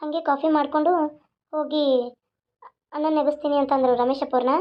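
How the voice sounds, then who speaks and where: A woman's voice: sits high, level tone, fast talker, muffled recording, lightly acted. A woman voicing a dutiful household maid in a cartoon, explaining matter-of-factly. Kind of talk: cartoon voice acting.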